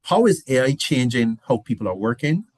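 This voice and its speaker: A man's voice: medium pitch, very animated, fairly quick, a little mellow, no echo. A man giving a conversational business presentation, restarting phrases and adding rhetorical asides. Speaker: guest lecturer.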